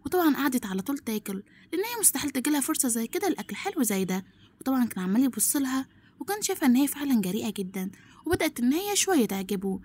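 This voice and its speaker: A woman's voice: high voice, big pitch swings, very fast, darkish tone, breathy edge. A woman with an Egyptian accent recapping a drama plot in run-on storytelling. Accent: Egyptian Arabic. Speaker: narrator.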